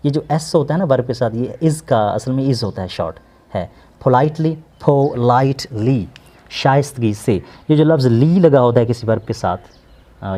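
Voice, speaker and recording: Male tutor, mellow tone, methodical word-by-word teaching. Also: medium pitch. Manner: patient, repeats and glosses each word slowly. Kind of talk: explaining an English textbook lesson.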